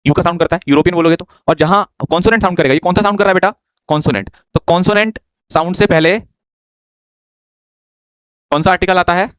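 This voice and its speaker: A man's voice: high voice, fast talker, long pauses, a bit bright, smooth, no room sound. A man teaching an online exam-prep grammar class in a chatty way, joking with and scolding his students, speaking English.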